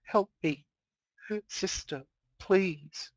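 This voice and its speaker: A man voicing a distraught young princess pony mare, crying out in shrill wails. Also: big pitch swings, drawn-out words, bright, forceful tone, breathy edge, no room sound, dull audio, heavily acted. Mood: despairing. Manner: shrill wailing cries.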